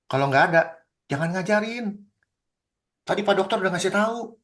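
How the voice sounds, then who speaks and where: A man's voice: high-pitched, lively intonation, normal speed, fairly bright tone. A man, a pastor leading a teaching discussion over a video call, talking in an emphatic, indignant way and acting out quoted exchanges.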